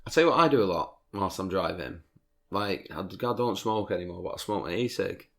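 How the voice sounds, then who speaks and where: A man's voice: sits low, lively intonation, brisk, vocal fry. A man hosting a casual podcast chat, swearing and laughing through banter. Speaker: podcast host.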